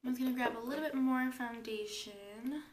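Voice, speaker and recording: A young beauty vlogger with a cold and sore throat chats through a makeup tutorial, explaining each step as she goes. Her voice is a little high and she speaks at a moderate pace.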